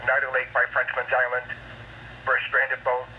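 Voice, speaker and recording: A male emergency dispatcher speaks over a scanner radio transmission in clipped, repeated call-outs. His delivery stays flat and even. The sound is dull and lo-fi, with faint static behind it. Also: medium pitch, moderate pace. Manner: clipped, repetitive dispatch phrasing.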